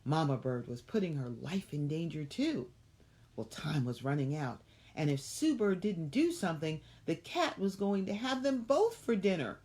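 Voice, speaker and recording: Woman reading to kids, low voice, very lively pitch, slow, expressive, asks questions. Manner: expressive, asks listeners questions between passages. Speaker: children's story reader. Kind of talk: reading a picture book aloud to children.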